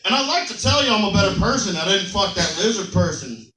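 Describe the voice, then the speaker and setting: A young man works a comedy club crowd with brash, profane storytelling. His voice sits high and sounds bright and sharp. The room is echoey and he is a little distant from the mic. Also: lively intonation, fast, slight background noise. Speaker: stand-up comedian. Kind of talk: stand-up comedy set.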